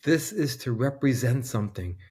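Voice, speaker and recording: A man guest in an interview, speaking earnestly and with deep feeling, close to tears at times. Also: animated, normal speed, darkish tone, breathy edge. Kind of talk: emotional conversation.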